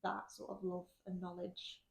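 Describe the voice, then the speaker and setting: Creaky-voiced woman in casual chat. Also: lowish voice, monotone, moderate pace, darkish tone. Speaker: podcast co-host, cat sitter.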